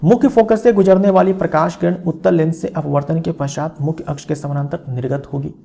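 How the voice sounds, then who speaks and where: A man teaching a physics lesson in a somewhat high yet dark, mellow voice with a gravelly edge. He explains step by step, repeating key phrases and checking that his students follow. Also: fairly even intonation, fairly quick.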